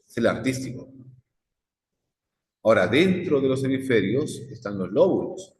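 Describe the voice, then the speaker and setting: Guy teaching psych, keeps quizzing the class, roomy hall echo, mid pitch. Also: very animated, normal speed, a little mellow, a little hiss or hum. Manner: quizzes the class with repeated questions. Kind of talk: classroom lecture. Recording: echoey classroom with long reverb.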